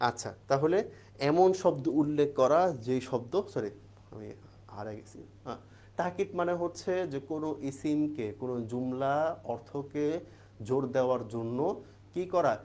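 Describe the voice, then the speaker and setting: A man's voice: medium pitch, normal speed, darkish tone. A man teaching an exam-prep grammar lesson, explaining step by step and asking and answering his own questions. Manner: keeps checking in with the class.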